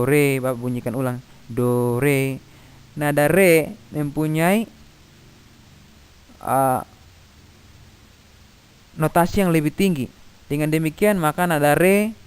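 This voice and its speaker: Singing note names as a demonstration and pausing between points, a middle-aged man teaches children a physics lesson with patience. His voice is a little high and clean in tone.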